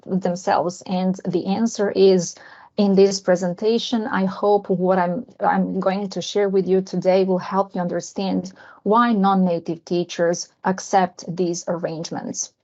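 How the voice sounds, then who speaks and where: A woman from Serbia, an English teacher, giving a friendly conference presentation over a video call, often pausing with fillers. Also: mid-range voice, little pitch movement, mellow. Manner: friendly, with frequent filler pauses. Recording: dull lo-fi video call audio.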